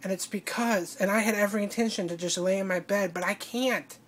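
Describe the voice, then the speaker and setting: A woman crying as she speaks in a personal video diary, halting and breaking off to restart her sentences. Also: mid-range voice, slight background noise. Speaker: vlogger.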